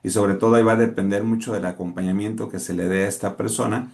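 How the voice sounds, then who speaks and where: A man, the instructor moderating an online class, speaking haltingly with many fillers. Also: lowish voice, steady tone, darkish tone.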